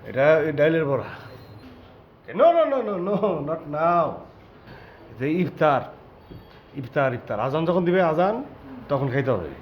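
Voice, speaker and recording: An urgent, whispery-pleading bachelor hero; roomy, muffled sound. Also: male voice, on the high side, big pitch swings, a little slow, pauses often, a little hiss or hum. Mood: coaxing. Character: bachelor hero hiding a foreign guest, a young man. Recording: echoey, dull-sounding room.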